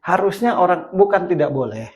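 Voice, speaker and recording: A man talks through marriage in a relaxed, thinking-aloud way. He acts out little scenes as he goes, and his voice rises loud and then drops to a hush. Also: high voice, brisk. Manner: reflective, acts out examples, swings from loud to hushed. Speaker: host. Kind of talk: casual talk on marriage.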